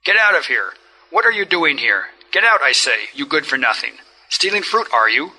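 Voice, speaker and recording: A man voicing a pompous, greedy, stout middle-aged official in a storybook reading, wheedling in whispers or bellowing in rage, with a husky, bright voice. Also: on the high side, big pitch swings, moderate pace, full character voice, low-quality recording. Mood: furious.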